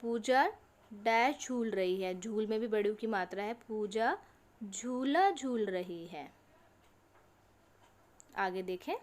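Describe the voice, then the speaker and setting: A woman teacher speaking to small children in an unhurried, careful voice. She sits a little higher than most women and stretches out each word so young learners can follow. She asks simple questions and answers them herself. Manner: slow, drawn-out word-by-word reading for children. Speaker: school teacher. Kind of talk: online class lesson for young children.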